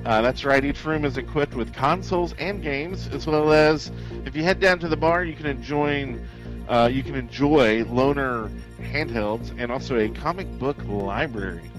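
A man's voice: medium pitch, moderate pace, music in the background, low-quality recording. A man co-hosting a gaming podcast, easygoing and cheeky as he shares a news item. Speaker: podcast co-host. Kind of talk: casual gaming podcast chat.

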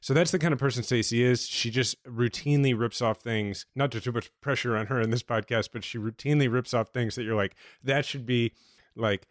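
A podcast co-host chats casually, full of enthusiasm, rambling along with many fillers, self-interruptions and restarts. His mid-range voice is brisk with fairly even intonation. The recording is dry, with clean studio sound.

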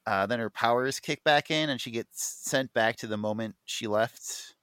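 A man's voice: mid-range voice, normal speed, fairly bright tone, clear, resonant tone, dry recording. Man, podcast co-host, mid-range voice, dry close sound, rambling fan enthusiasm. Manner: rambling, enthusiastic, many fillers and restarts. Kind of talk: casual comic book chat.

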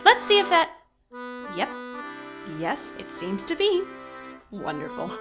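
A silky, sinister corporate host. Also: female voice, high voice, wildly swooping pitch, slow, music in the background, heavily acted. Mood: silky menace. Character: smooth, sinister corporate woman running a radio show. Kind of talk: podcast audio drama.

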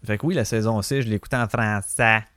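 A man's voice: lowish voice, fairly even intonation, brisk, fairly bright tone, dry recording. A man with a Quebec French accent hosting a podcast, telling stories in a rambling, slangy way and swearing freely. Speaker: podcast host. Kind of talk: casual storytelling monologue.

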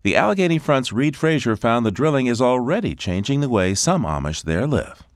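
A man's voice: mid-range voice, sing-song, brisk, no echo, clean studio sound. A man hosting a radio program, introducing guests and stories with emphatic announcing. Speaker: radio show host. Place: studio.

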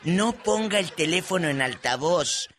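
A man's voice: a little high, expressive, unhurried, fairly bright tone, slight background noise. A man playing a flamboyant diva character as co-host, teasing callers and laughing theatrically. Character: campy flamboyant diva of a radio show. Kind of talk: comedy radio banter.

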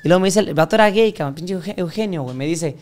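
A man's voice: high-pitched, fast, darkish tone. Crude slangy Mexican man telling a story. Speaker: podcast guest telling his story. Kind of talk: casual chat.

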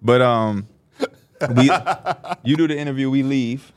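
A man co-hosting a podcast, telling a story in casual slang and jumping into high voices to quote people. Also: unhurried, a little mellow, clean tone, no echo. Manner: slangy, laughs through his stories. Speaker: podcast co-host.

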